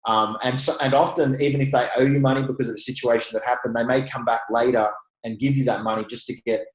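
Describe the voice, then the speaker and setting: A man's voice: mid-range voice, steady tone, quick pace. Roomy-sounding Australian man, chatty. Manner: chatty, laughs easily, frequent restarts. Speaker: real estate investor guest. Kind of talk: casual interview conversation.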